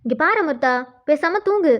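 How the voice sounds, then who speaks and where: A woman's voice: sits high, animated, normal speed, highs cut off, pitched below the performer's own voice. A woman voicing an impatient mother scolding her grown daughter to go to sleep in a cartoon. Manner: soothing yet scolding.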